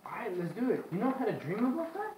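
A woman voicing a restless young detainee who speaks quickly and casually. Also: medium pitch, very animated, warm tone, close to an everyday voice. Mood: eager. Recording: echoey room, faint noise.

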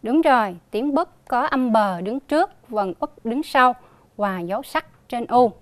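A female primary school teacher with a Southern Vietnamese accent, leading a slow reading lesson for young children and spelling out sounds with emphatic repetition. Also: fairly high pitch, lively intonation, no echo. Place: recorded for a TV lesson.

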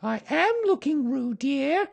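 Very high-pitched motherly kangaroo. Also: expressive, a little slow, exaggerated voice. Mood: brisk, scolding. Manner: soothing, singsong, scolding endearments. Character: brisk, motherly female kangaroo, fussily cheerful and stern.

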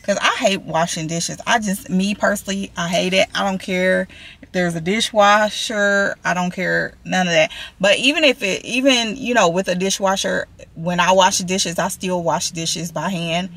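A woman's voice: fairly low pitch, normal speed, a bit bright. Chatty woman talking to camera in a car. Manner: chatty, rambling, addresses viewers as y'all. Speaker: vlogger. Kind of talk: casual vlog chat. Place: parked car, indoors. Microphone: camera on dashboard.

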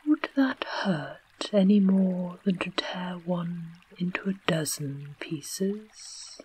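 A woman with an English accent voicing a hungry, timid male lion in a soft unvoiced whisper, as whispered role-play. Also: lowish voice, takes it slowly, slight background noise. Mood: musing.

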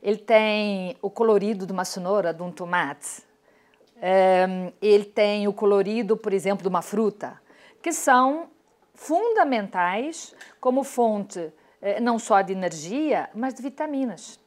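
A woman's voice: mid-range voice, unhurried, a little mellow. A woman in her sixties, a nutrition doctor, explaining health advice in a confident, didactic way in a TV studio. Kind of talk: explanatory interview answers. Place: TV studio set.

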